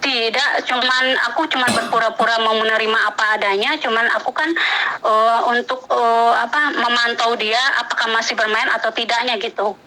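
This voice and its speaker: A woman in her thirties answers interview questions, hesitant and full of fillers. She agrees readily with her interviewer. Her voice is bright and sits a little high. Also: fairly even intonation, normal speed, rough recording. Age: 30s. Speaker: guest.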